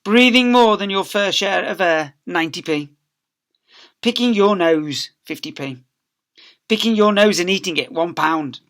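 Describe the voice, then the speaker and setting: A male teacher performs a children's story for his pupils in a bright, punchy voice, theatrically stressing key words and acting out sound effects. This animated storytelling comes in a high pitch at a slightly slow pace.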